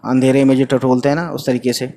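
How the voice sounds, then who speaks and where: A man's voice: medium pitch, flat delivery, mellow. A man teaching an Urdu textbook lesson. He reads a line, explains it in simple words with some English mixed in, and checks in with his students.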